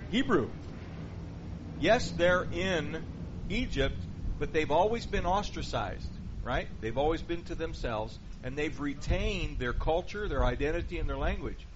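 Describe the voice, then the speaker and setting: In a dull, faintly hissing lo-fi recording, a man conducts a Bible study session by questioning the group and going over their replies. His voice leans high, expressive and unhurried.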